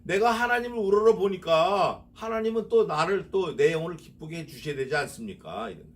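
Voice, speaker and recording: A male pastor giving a conversational sermon, reading scripture slowly with emphasis and asking the congregation rhetorical questions. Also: a little high, lively intonation, recorded from a distance. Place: church sanctuary.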